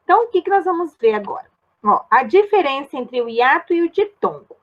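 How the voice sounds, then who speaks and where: A woman's voice: high-pitched, sing-song, fairly quick, muffled recording. A woman with a Brazilian Portuguese accent, a primary school teacher giving a recorded grammar lesson step by step and often checking in with her pupils. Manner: patient, explains step by step and checks in with tag questions.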